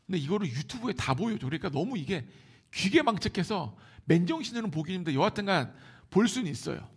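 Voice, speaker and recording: A man with a Seoul Korean accent preaching a Sunday sermon, moving between hushed near-whispers and loud exclamations. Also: high voice, big pitch swings, fast, slightly rough. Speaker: pastor.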